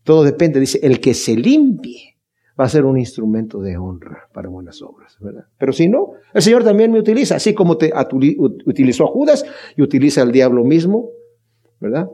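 A man's voice: mid-range voice, big pitch swings, a little fast, warm tone, husky. A man preaching a Bible study sermon, speaking earnestly and emphatically, asking his listeners rhetorical questions and addressing them fondly. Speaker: pastor leading a Bible study.

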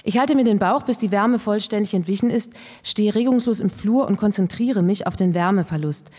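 A woman author reading her first-person story aloud at a live literary event, in a measured, unhurried way. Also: mid-range voice, darkish tone. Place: event hall. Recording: reverberant hall.

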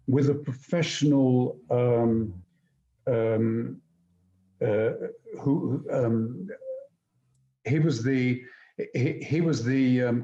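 A man being interviewed, telling anecdotes in a deliberate, articulate and emphatic conversational way. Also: medium pitch, warm tone. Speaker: interview guest, poet and screenwriter. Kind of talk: reflective conversational storytelling. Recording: slightly dull, roomy sound.

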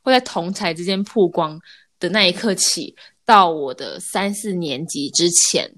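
A woman's voice: on the low side, unhurried. A woman in her twenties with a Taiwanese Mandarin accent, chatting casually as a podcast co-host, telling stories with lots of laughter and acted-out quotes. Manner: animated storyteller, laughs often, acts out quotes; mixes in English words. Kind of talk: casual chat.

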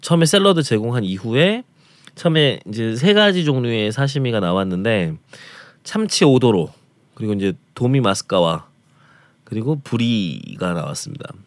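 A man tells his food travel stories on a radio talk show, going through each dish in careful detail. His pitch rises and falls a lot as he talks. The sound is dry and close. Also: very animated, normal speed, dry recording. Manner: detailed, descriptive storytelling about restaurants. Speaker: food travel segment presenter.

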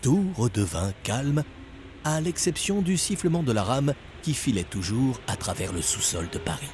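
A man's voice: mid-range voice, big pitch swings, moderate pace, a little hiss or hum. A man narrating a children's adventure story expressively. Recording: story narration over loud music.

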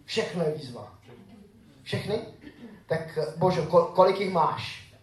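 Male preacher, high voice, sermon style, reads scripture and quizzes the congregation; echoey church room. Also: expressive. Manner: asks the congregation questions. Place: church hall.

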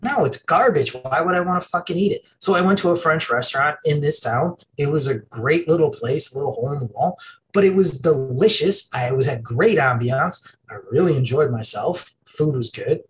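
A middle-aged man chatting on a podcast in a rambling, profane way, breaking into laughter often. His voice sits a bit high for a man, with a faint hiss of room noise behind him. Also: expressive, normal speed, poor audio. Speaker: podcast co-host. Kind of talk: casual chat.

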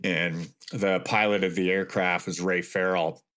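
A man's voice: low voice, unhurried. A middle-aged man casually telling a long story as an interview guest, acting out quoted lines with a raised voice. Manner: animated, acts out quotes with raised voice.

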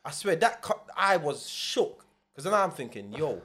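Bright in tone and fairly high, this male voice swings widely in pitch at a moderate pace. He's a podcast co-host with a London urban roadman accent, spinning casual stories with punchy street slang.

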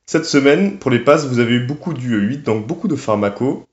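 A young man presenting a weekly study update for a student podcast, explaining course points in a steady, measured way. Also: mid-range voice, echoey room, highs cut off. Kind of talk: casual scripted podcast segment.

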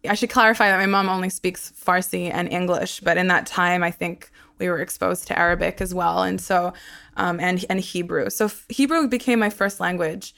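A young Australian woman hosts a podcast, chatting easily about her life and laughing often in a conversational interview. Her voice is lowish and a bit bright, with vocal fry, fairly even intonation and a normal pace.

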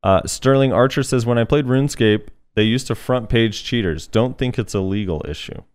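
A man's voice: medium pitch, moderate pace, a little mellow, smooth. A man hosting a casual podcast, reading listener comments aloud in a laid-back way with plenty of fillers. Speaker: podcast host.

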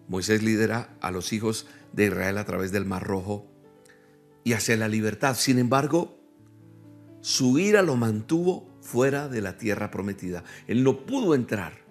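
A man with a low voice preaches a livestreamed sermon. He is earnest and talks straight to his listeners, repeating key phrases to drive them home. Soft music plays faintly behind him. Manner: addresses listeners directly. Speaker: pastor.

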